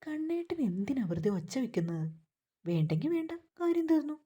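A woman's voice: sits high, sing-song, a little fast, warm tone, pitched above the performer's own voice. A woman voicing a pert teenage younger sister who pleads and complains in a family story.

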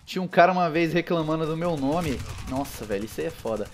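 A young man with a Brazilian Portuguese accent giving casual, slangy commentary over his own gameplay, with excitable loud outbursts. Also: a little high, quick pace. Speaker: gaming channel host.

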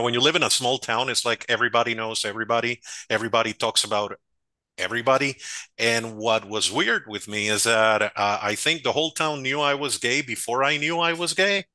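A man's voice: mid-range voice, dry recording. Costa Rican man telling stories on a video call. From Costa Rica. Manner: warm storytelling, self-amused, gestures while talking. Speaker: guest writer. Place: home room, video call. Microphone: headset.

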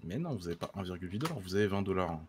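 A man playing a patient, helpful townsman in a western roleplay. His voice is a touch low and he talks quickly. He hesitates often, filling gaps with 'euh'. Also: very animated, slightly rough, full character voice. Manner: hesitant, many 'euh' fillers. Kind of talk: in-character roleplay.

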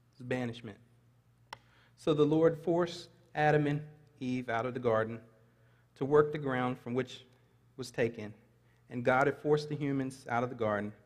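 A middle-aged man preaching a sermon in a large church sanctuary, reading scripture aloud and adding light asides to the congregation. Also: mid-range voice. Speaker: pastor. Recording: long reverb of a large hall.

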